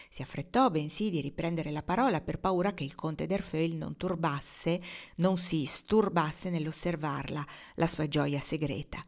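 A woman reading a classic novel aloud in a measured, literary manner. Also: fairly low pitch. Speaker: reader.

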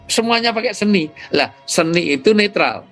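A man, an Islamic cleric, explaining ideas in an interview with lively storytelling. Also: high-pitched, normal speed, soft background music. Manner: lively storytelling with imitated sounds.

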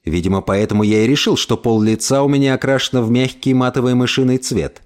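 A man reading a first-person story aloud in an expressive narration. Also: medium pitch, fast. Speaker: audiobook reader.

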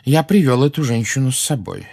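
A man voicing a calm, courteous old wizard who speaks in a polite, measured way in an audiobook. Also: medium pitch, pitched above the performer's own voice, natural voice.

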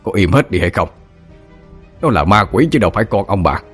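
A man voicing a stern male exorcist near sixty, gruff and commanding. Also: low-pitched, lively intonation, a little fast, fairly bright tone, faint music behind, heavily acted.

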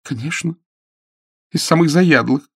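A man reading aloud, voicing a mocking, quick-tongued young woman. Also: fairly high pitch, slightly rough, no room sound, studio quality, pitched above the performer's own voice. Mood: teasing. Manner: mocking, teasing. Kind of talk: audiobook character voice.

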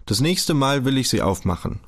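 A naive, childlike young man from an audiobook reading, his questions tumbling out in an urgent, pleading way, as a male narrator puts him on. The voice sits well above the reader's own pitch. He sounds wide-eyed and insistent. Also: sing-song, moderate pace, breathy edge. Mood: urgent questioning.

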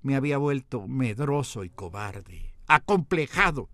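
A man, a radio host telling a humorous first-person story in a lively, theatrical, self-mocking way. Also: mid-range voice, moderate pace, no room sound, clean studio sound.

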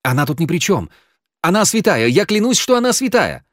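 A man reading an audiobook, voicing a frantic young man who swears he is innocent, his voice high and loud with fear. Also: sing-song, normal speed, no room sound, studio quality. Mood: pleading. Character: panicky young man, accused, pleading.

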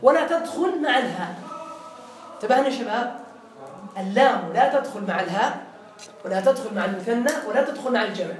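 A man teaching an Arabic grammar lesson in a classroom, explaining slowly, repeating points and quizzing his students. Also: sits high, lively intonation, echoey room, a little hiss or hum.

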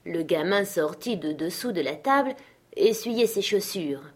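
A woman narrating a classic literary tale as an audiobook, in a measured, expressive storytelling manner. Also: fairly low pitch, husky.

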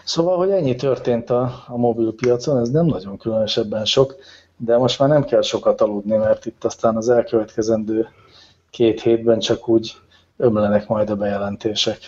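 Lower-voiced man hosting a podcast. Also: steady tone, darkish tone. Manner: leads the talk, wry and teasing. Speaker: podcast host. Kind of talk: casual chat. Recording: dull lo-fi recording.

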